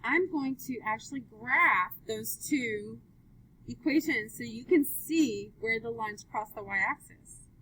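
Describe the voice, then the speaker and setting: A woman's voice: fairly high pitch, slow pace, pushed and bright, husky, low-quality recording. A woman teaching a math class, upbeat, asking students question after question as she works through graphs. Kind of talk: live classroom lesson.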